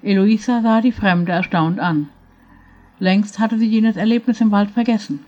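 Woman storyteller, calm measured fairy-tale reading, mid pitch, muffled recording.

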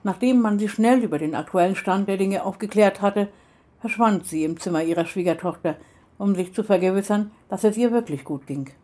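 A woman reading a story aloud as narrator in a steady, even way. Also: medium pitch, fairly quick.

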